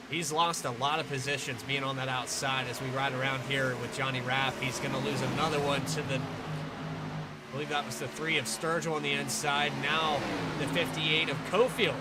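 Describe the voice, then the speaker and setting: Higher-voiced man calling a motor race. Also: heavy background noise. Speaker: race broadcast commentator and host. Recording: music under the voice.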